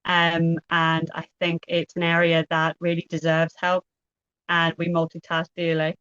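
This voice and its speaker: A woman in her thirties with an Irish accent, a podcast guest talking about her work at a measured, deliberate pace. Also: fairly low pitch, monotone, a bit bright, clean tone, dry recording. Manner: measured, deliberately slowed speech. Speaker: podcast guest, pelvic health physio. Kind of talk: casual podcast chat. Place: at a co-host's home. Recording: dull lo-fi sound.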